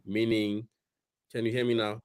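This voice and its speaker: Man, glitching video-call audio, breaking up, halting fragmented speech, lowish voice. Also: little pitch movement, smooth, dry recording, studio quality. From South Africa. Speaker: guest advocate on a video call.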